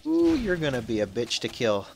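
A creaky, mid-range voice with huge pitch swings belongs to a twenty-one-year-old gaming channel host narrating a let's-play at a moderate pace. He's rambling and chatty, with occasional curses at on-screen happenings. The audio has faint background noise and loses him when he goes soft.

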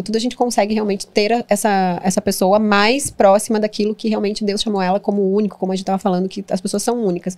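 Uma mulher brasileira de voz média responde depressa e com ponderação. O jeito é acolhedor e conversado. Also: female voice, mid-range voice, darkish tone. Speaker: podcast co-guest. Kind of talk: conversational interview.

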